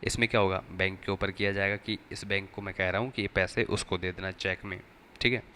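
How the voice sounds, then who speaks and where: A man's voice: low voice, steady tone, a little fast, pushed and bright, slight background noise. A man teaching an accounting lesson for exam preparation, explaining step by step and repeating key terms. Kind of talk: exam-prep lecture.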